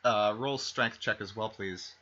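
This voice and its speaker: Bright-voiced man running a tabletop game. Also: on the low side, measured pace. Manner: rambling, self-correcting, fillers and restarts. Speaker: game master. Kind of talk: narrating a tabletop game over stream. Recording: dull lo-fi stream mic.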